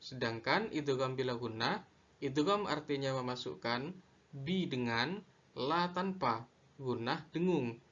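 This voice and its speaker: A man teaching a lesson on Quran recitation rules, slow and deliberate, repeating each definition. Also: medium pitch, lively intonation, fairly bright tone, muffled recording. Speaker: religious studies teacher.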